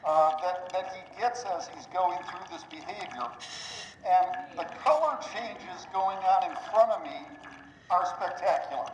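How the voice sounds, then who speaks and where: A woman who volunteers as a scuba diver presents to visitors in a live aquarium talk, speaking from underwater. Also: medium pitch. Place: underwater in aquarium tank, through diver communication system. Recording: echoey diver mask microphone, background noise.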